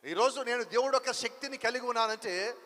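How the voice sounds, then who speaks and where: A man's voice: very high-pitched, a little fast, bright, forceful tone. A man preaching a sermon, emphatic, driving his points home with repeated rhetorical questions. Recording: long hall reverb.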